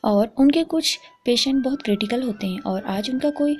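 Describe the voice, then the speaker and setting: A woman voicing a brisk, practical middle-aged mother. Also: fairly high pitch, darkish tone, breathy edge, soft background music.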